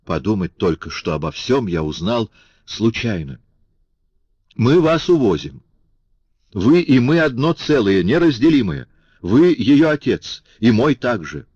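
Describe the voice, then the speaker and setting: A man's voice: mid-range voice, very animated, measured pace, darkish tone, breathy edge, no room sound, pitched above the performer's own voice. A man reading an audiobook, voicing a passionate, grateful young man in a raised, exclaiming voice. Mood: indignant. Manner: impassioned, exclaiming, pleading. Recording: dull lo-fi audiobook recording.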